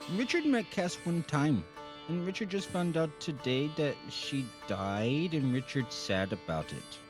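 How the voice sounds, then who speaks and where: Role-play simpleton man acted by a woman: childlike, eager, stammering, lowish for a woman, very animated pitch. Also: unhurried, music in the background. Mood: sad, sympathetic. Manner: childlike, speaks of self in third person, stammers. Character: naive, eager simpleton man who calls himself by name. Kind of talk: improvised in-character online role-play.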